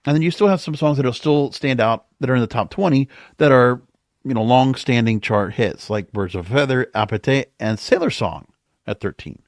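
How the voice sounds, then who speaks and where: A man with a mid-range voice hosts a podcast at a moderate pace, in a dry recording with clean studio sound. He's casually discussing the music charts, working things out aloud as he reads the figures.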